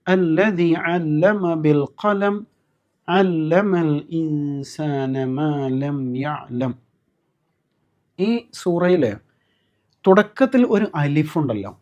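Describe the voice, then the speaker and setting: Man, Quran teacher, rhetorical questions, slow recitation, higher voice, muffled lo-fi recording. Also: a little mellow. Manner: explains step by step, asks rhetorical questions; recites Quranic verses slowly. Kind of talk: recorded Arabic and Quran class.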